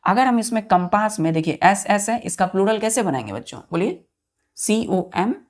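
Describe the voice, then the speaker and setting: Calling her students children, an animated woman teacher at a middle pitch runs an exam-prep grammar lesson. She spells out words one letter at a time, repeats every key term, and keeps turning to the class with quick questions.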